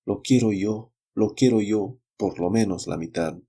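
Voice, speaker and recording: A man's voice: lowish voice, a little slow, warm tone, breathy edge. A man voicing a small boy in a storybook reading, insistent and repeating himself. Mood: pleading.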